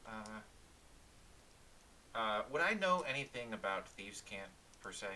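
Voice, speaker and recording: A man's voice: on the low side, very animated, measured pace, sharp tone, rough recording. A man playing a tabletop game, speaking politely and a little formally to other characters. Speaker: player. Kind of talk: casual tabletop game chat.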